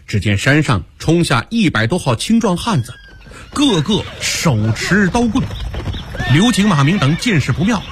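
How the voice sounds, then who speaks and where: A male storyteller narrating a radio story in an animated, expressive manner. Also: on the high side, noisy background. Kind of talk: dramatic Chinese storytelling narration.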